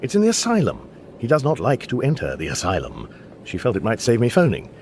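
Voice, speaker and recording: Playing a mild, apologetic and baffled Englishman in a radio comedy drama, this actor uses an English accent and a hesitant, dryly understated delivery that sounds bemused and rueful. His medium-pitched voice is a little mellow and a little fast, with huge pitch swings. There's slight background noise.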